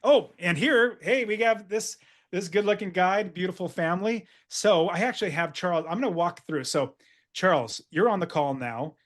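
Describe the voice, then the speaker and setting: A man's voice: high-pitched, normal speed. A man coaching real estate investors in an upbeat, emphatic webinar sales presentation.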